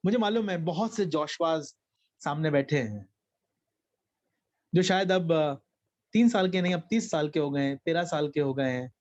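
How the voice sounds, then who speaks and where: A man's voice: fairly high pitch, animated, moderate pace, long pauses, a little mellow. A middle-aged man preaching a Bible study sermon, telling stories in Hindi and slipping into English phrases.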